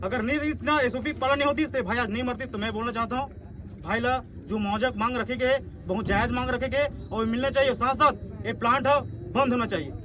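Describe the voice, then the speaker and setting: High, bright Chhattisgarhi protest speaker man. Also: a little fast, a little hiss or hum. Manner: forceful, rhetorical questions, repetitive. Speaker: activist group coordinator. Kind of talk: protest speech. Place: outdoor protest site.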